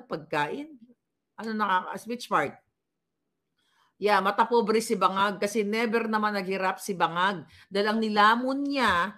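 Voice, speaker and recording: A woman's voice: medium pitch, fairly bright tone. A woman with a Filipino accent doing casual live political commentary, scornful and mocking as she reads viewer comments aloud.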